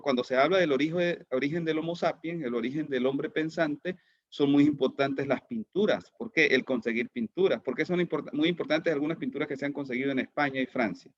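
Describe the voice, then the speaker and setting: A man's voice: mid-range voice, fairly bright tone, no room sound, dull audio. A man teaching an online class, who keeps asking his students questions and repeats words as he goes. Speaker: lecturer.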